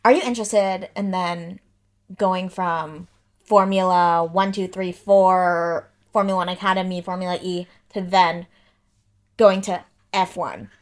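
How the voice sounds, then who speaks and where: A woman hosting a podcast interview, asking questions in a chatty way with quick asides. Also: fairly low pitch, steady tone. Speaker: podcast host. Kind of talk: casual interview.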